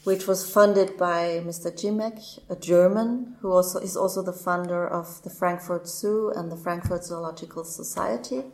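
Woman, somewhat low voice, hesitant, many fillers, echoey room. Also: steady tone, normal speed, hardly any pauses, darkish tone. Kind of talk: panel discussion.

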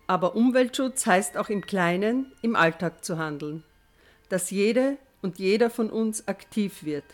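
An older woman giving a clear, persuasive scripted appeal as an elderly climate activist, posing questions. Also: medium pitch, lively intonation, measured pace, faint music behind.

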